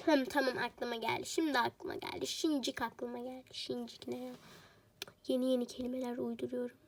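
A woman's voice: fairly high pitch, level tone, brisk. A woman chatting casually while she plays a home-building game. She rambles and jokes to herself, and she is a bit sick. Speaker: game streamer. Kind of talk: casual gameplay commentary.

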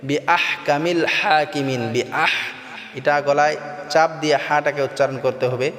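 A man teaching Quran recitation in a tajweed lesson, explaining each sound and then chanting the verses slowly and melodically. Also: fairly high pitch, fairly even intonation, a bit bright. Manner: slow drawn-out melodic chanting between spoken explanations. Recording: long reverb with faint background music.

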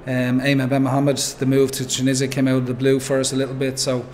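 A man in his forties with an Irish accent, a football manager giving a measured post-match interview, full of "um" and "you know". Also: medium pitch, monotone, a little mellow, a little hiss or hum. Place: pitchside interview backdrop, noisy. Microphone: handheld interviewer mic.

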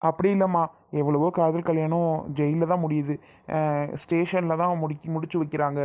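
A patient young groom, voiced by a woman, in an amateur family drama skit. The voice sits low and steady, gently coaxing and insistent. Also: fairly quick, close to an everyday voice. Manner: patient, coaxing, repeats the same point.

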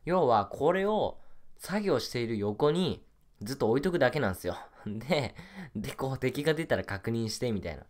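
A man's voice: medium pitch, animated, normal speed. A young man chatting casually while playing a mobile game, muttering and repeating little phrases to himself. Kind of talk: casual rambling gameplay chat.

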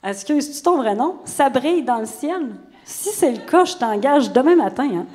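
A woman's voice: high-pitched, animated, normal speed, darkish tone, big-room sound. A Québécois woman hosting a live stage talk show, bubbly and teasing, laughing easily. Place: stage before a live audience.

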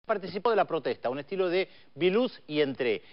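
A man's voice: on the high side, expressive, brisk, lo-fi sound. A middle-aged Argentine man giving live commentary as an international affairs analyst on TV news. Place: TV news studio.

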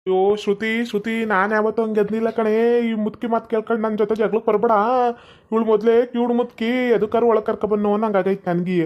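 A woman's voice: mid-range voice, fairly even intonation, quick pace, dull audio, lightly acted. A woman playing a short-tempered young husband in a comic family skit, with a North Karnataka Kannada accent and snappy, exasperated scolding. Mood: pleading.

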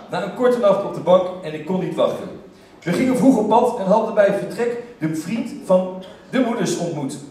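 A man telling a humorous story to a live theater audience, lively and breaking into shouted exclamations. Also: high-pitched. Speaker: stage storyteller. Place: theater stage. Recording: echoey theater from far off.

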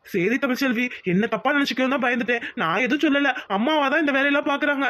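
A woman's voice: sits high, fast, fairly bright tone. A woman voicing a nervous young husband in a cartoon who keeps apologizing and repeating himself. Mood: relieved. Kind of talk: cartoon voice acting.

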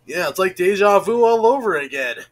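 A man's voice: sits high, animated, brisk, voice pushed up. A man voicing an upbeat, cocky young hedgehog hero in an overacted amateur fan dub.

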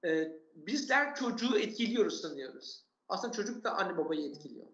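High-voiced man, echoey, dull remote audio. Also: sing-song, brisk, a bit bright, a little hiss or hum. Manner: earnest, explains with listed examples, repeats for emphasis. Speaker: expert guest on parenting and learning. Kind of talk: explanatory interview answers.

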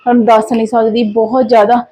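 A woman's voice: on the high side, flat delivery, fast talker, mellow, slightly rough, low-quality recording. A sleep-deprived mother, chatting casually in a family vlog, tired and worried and full of fillers and restarts. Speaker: vlogger and mother.

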